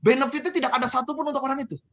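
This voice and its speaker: A man, a guest trainer on a radio talk show, explaining communication with lively examples. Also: extremely high pitch, rapid-fire. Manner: lively explaining, acts out scolding boss voices.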